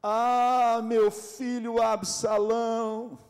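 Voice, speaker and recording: A man voicing a grieving old king who wails slowly and in anguish for his dead son, with a Brazilian accent. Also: very high-pitched, flat delivery, a little mellow, voice pushed up, full character voice. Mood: anguished grief. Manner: slow anguished wailing cries. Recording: echoey church hall.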